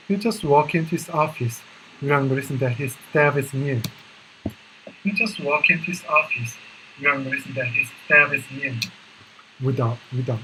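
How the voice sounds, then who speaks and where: A man with a Korean accent, a native Korean speaker, doing English shadowing practice, echoing lines a beat behind and repeating them haltingly. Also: medium pitch, pushed and bright, slight background noise. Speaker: live-streaming English learner. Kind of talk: shadowing practice, repetitive drilling.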